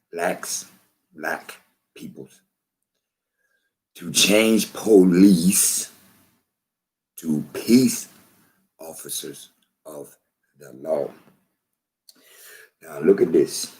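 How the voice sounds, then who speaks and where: A man's voice: low voice, extremely slow, pauses often, darkish tone. A man talking to camera in a preachy, emphatic way, often repeating himself. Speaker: vlogger. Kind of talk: slow spoken commentary to camera.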